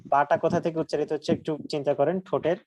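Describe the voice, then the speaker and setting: A man teaching Quran pronunciation in an online class, patiently demonstrating letter sounds slowly and repeating them. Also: a little high, level tone, darkish tone, slight background noise, low-quality recording.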